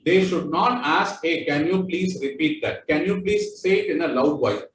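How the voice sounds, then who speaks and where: Indian-accented male trainer, fairly high-pitched, halting repetitive delivery; roomy distant recording. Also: a little hiss or hum. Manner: loose, repetitive phrasing with many fillers. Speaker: corporate trainer. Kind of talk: workplace training talk. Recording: echoey room, voice far from mic.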